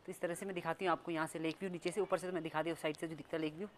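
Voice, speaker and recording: A woman's voice: sits low, fairly even intonation, rapid-fire, a little hiss or hum. A woman vlogging casually at home and outside, chatty and scolding as she rambles. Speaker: family vlogger. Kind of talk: casual vlog narration. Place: home and outdoors. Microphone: phone camera.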